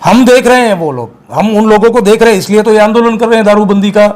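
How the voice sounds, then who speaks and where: An activist guest from Gujarat speaks quickly in a high voice during a heated interview, forcefully accusing and repeating his points.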